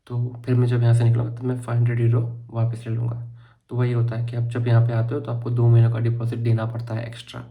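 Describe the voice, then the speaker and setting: A young man from India giving a chatty, joking tour of his student room in a casual vlog, talking fast. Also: medium pitch, mellow. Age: young adult. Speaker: vlogger.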